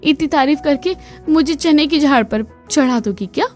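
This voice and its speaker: A woman voicing a sweet, humble young maid girl in a cartoon, gentle and cheerful. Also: high-pitched, moderate pace, soft background music, lightly acted. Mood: affectionate.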